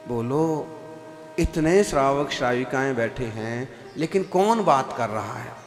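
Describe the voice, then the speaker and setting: Male monk preacher, slow measured sermon, rhetorical questions, somewhat high voice, echoing hall with faint music behind. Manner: rhetorical questions to the congregation, sometimes chanting. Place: large hall before a seated congregation.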